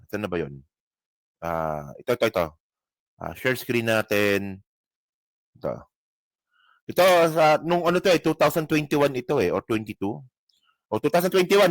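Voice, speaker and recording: A man's voice: a little high, a bit bright, dry recording. A man hosting casual political commentary, reacting to clips in a sarcastic, profane way.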